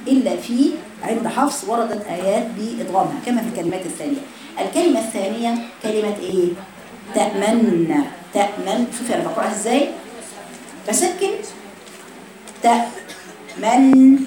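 A woman with an Egyptian accent teaching Quran recitation to a class of students, quizzing them with rhetorical questions and modelling slow recitations. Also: medium pitch. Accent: Egyptian Arabic. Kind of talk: classroom lesson. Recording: very echoey room from far off. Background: students present.

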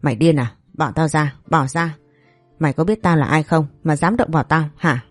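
A woman's voice: normal speed, no room sound, faint music behind. A woman voicing a scheming, spiteful young rival woman in a storybook, sly and taunting. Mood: shrieking. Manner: sly and taunting, then shrill and whining.

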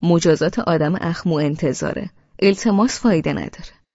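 A woman reading an audiobook and voicing a playful young husband who teases calmly. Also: low voice, no room sound, lo-fi sound. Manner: playful teasing.

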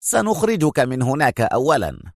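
A man voicing a good-humored, grateful male military officer in a spoken story, sounding warm and amused. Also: mid-range voice, very animated, normal speed, no room sound, studio quality.

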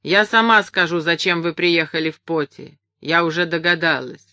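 A woman's voice: lowish voice, normal speed, sharp tone, no room sound. A woman voicing a middle-aged wife who speaks in a placating, eager way.

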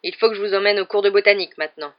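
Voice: mid-range voice, moderate pace, natural voice. A reader doing a cold stern schoolmaster. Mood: curt. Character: cold stern male teacher, thin-lipped and scornful. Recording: dull lo-fi recording.

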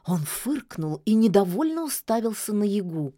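A woman narrating a fairy tale in a calm, folksy storytelling manner. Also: mid-range voice, moderate pace, no echo, clean studio sound.

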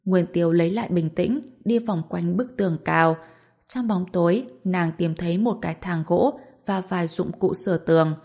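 Low-voiced woman narrating a story. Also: moderate pace, mellow.

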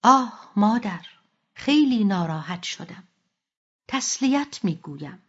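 A woman voicing a caring young daughter who speaks gently and reassuringly, in a slightly dull recording. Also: medium pitch, expressive, slightly rough. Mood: sympathetic.

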